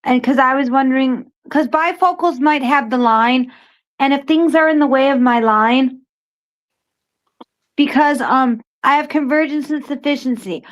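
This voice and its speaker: A woman's voice: high-pitched, measured pace, rough recording. A woman in her forties chatting casually, earnest and insistent, repeating short phrases to make her point. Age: 40s. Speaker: library worker. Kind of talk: casual chat.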